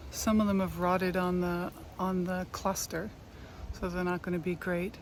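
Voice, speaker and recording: A middle-aged woman in a casual, folksy video diary, talking plainly through everyday chores as if to family. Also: on the low side. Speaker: home vlogger. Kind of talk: casual chatty video diary addressed to their father. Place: outdoors in a garden, later indoors at home. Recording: clear ambient background noise.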